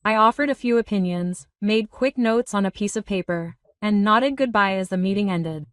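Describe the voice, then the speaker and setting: A woman reading a first-person story in a steady, even narrating voice. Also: mid-range voice, moderate pace, no echo, clean studio sound, far from the mic.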